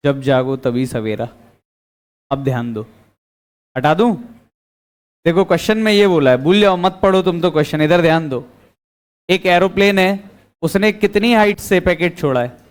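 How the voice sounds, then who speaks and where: A man's voice: fairly high pitch, moderate pace, long pauses, clean tone. A man teaching physics in a classroom, asking the students questions and answering them himself. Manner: quizzing students, answering his own questions. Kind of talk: classroom lecture.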